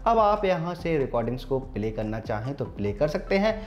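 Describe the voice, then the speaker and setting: An Indian tech channel host narrates a phone tutorial that sounds scripted, guiding viewers formally step by step. His medium-pitched voice is very animated and brisk. The audio is lo-fi.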